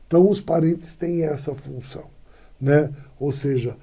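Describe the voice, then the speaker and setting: A man's voice: on the high side, unhurried, dark tone, breathy edge. A male Brazilian Portuguese teacher explaining punctuation in a classroom lesson, often checking in with short tags as he points to examples.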